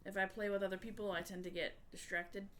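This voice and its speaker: A woman's voice: medium pitch, flat delivery, quick pace, a bit bright, a little hiss or hum. A woman game streamer chatting casually with viewers and explaining things in a conversational way. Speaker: variety gamer and streamer.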